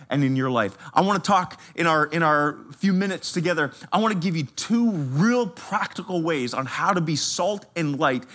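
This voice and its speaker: A man, a pastor giving a sermon with personal stories in a conversational, animated way. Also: a little high. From Canada. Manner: animated, conversational, laughs while telling stories.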